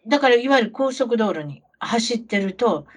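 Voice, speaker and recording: A middle-aged woman chats away in a Kansai accent like a talkative auntie. Her voice is fairly high and husky, swinging up and down as she spins casual anecdotes and tosses out questions. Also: normal speed. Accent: Kansai Japanese. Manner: chatty, animated Kansai auntie storytelling with rhetorical questions. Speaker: podcast co-host telling travel stories.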